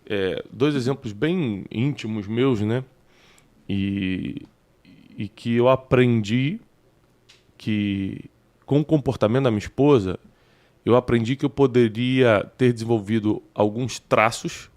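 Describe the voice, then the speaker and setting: A man in his forties with a Brazilian Portuguese accent, hosting a casual interview and telling personal stories, breaking into loud, high bursts at the punchlines. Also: takes it slowly. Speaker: host.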